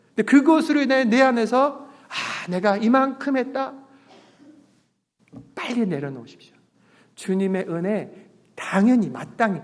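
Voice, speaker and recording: Earnest pastor preaching in a reverberant sanctuary. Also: male voice, high voice. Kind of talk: sermon. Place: church sanctuary. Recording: long reverb of a church sanctuary.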